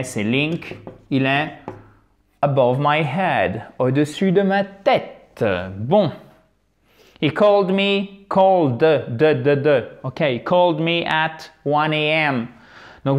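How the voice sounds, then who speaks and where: Slow, careful teacher man. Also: on the high side. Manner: explains slowly, repeats English words with careful stress. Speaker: English teacher. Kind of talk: video lesson.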